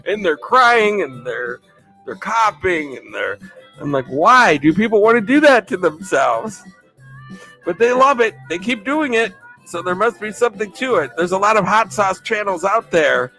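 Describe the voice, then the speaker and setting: Upbeat high-voiced man hosting a livestream. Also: big pitch swings, moderate pace, pushed and bright, faint music behind. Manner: upbeat, chatty, laughs often, thanks viewers effusively. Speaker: livestream host. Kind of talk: casual live-stream chat, reading comments.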